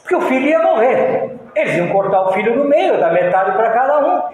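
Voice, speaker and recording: A man's voice: very high-pitched, big pitch swings, a little fast, a little mellow, highs cut off, a little hiss or hum, voice pushed up. A man with a Brazilian accent voicing a wise king explaining his judgment, in an echoey hall. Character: wise old male king, calm and firm.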